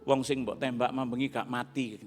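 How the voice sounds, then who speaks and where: A man voicing a rough male gang underling with an East Javanese accent, talking bluntly on the phone. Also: medium pitch, steady tone, moderate pace, soft background music, voice pushed down, lightly acted. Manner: blunt, casual street talk.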